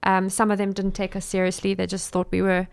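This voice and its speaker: A woman's voice: medium pitch, completely flat delivery, a little fast, vocal fry, clear, resonant tone. A young woman with a South African accent chatting informally as an interview guest about her own work. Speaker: interview guest, small business owner and designer. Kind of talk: casual interview chat.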